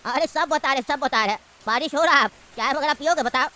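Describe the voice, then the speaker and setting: A woman voicing a scheming old uncle in a cartoon, coaxing and evasive, over loud background noise. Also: sits high, fairly quick, natural voice. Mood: sly. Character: scheming old male uncle, tea-maker.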